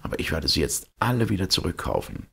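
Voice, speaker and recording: A man's voice: sits low, big pitch swings, fast, vocal fry, fairly bright tone, husky, exaggerated voice. A man voicing a humble, naive young gardener who talks in an eager, grateful way, in a storybook reading. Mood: earnest.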